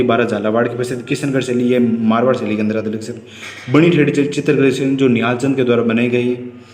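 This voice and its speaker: A man teaching an exam revision lesson, rattling off quick question-and-answer points with frequent restarts. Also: mid-range voice, a little mellow. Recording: echoey room with faint music.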